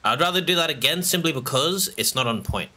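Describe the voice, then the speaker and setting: A man's voice: on the high side, lively intonation, brisk, sharp tone. A man giving let's play commentary, talking to himself as he plays, with frequent exclamations and laughter. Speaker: gaming channel host.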